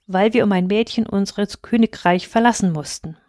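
A woman's voice: medium pitch, moderate pace, darkish tone, no echo, clean studio sound, lightly acted. A woman voicing a kind, earnest young prince in a fairy tale reading.

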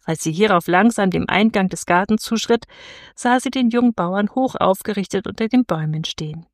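A woman narrating a fairy tale in a gentle, measured storytelling voice. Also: mid-range voice, dry recording, studio quality.

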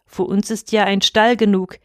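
A woman's voice: mid-range voice, flat delivery, moderate pace, dry recording, clean studio sound, close to an everyday voice. Jonathan, a woman reading as a bitter shepherd. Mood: indignant. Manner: indignant, rises into complaint. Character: bitter, angry middle-aged male master shepherd.

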